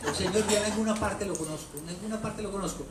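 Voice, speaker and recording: A fast-talking man with a high voice and a Colombian paisa accent, an author at a book launch, tells stories playfully to the audience and repeats phrases for effect. He holds a handheld mic in a bookstore event room. The audio is echoey, distant, and noisy in the background.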